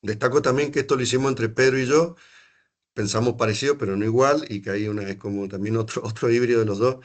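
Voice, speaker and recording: A man's voice: mid-range voice, fairly even intonation, fast. A middle-aged Argentine man, a geography lecturer, talking in an academic panel discussion, full of restarts, asides and rhetorical questions. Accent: Argentine Spanish.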